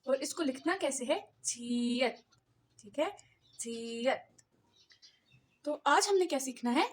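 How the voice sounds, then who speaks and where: A woman's voice: sits high, lively intonation, fairly quick. A woman teaching an online language lesson, patiently explaining step by step and repeating each word. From Pakistan.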